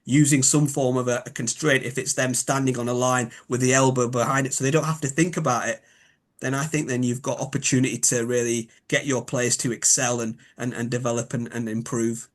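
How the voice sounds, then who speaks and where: A man's voice: medium pitch, little pitch movement, a little fast. A man with a Yorkshire accent, a biomechanics expert guest, explaining ideas in a thoughtful way and often rephrasing as he goes. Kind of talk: explanatory interview talk.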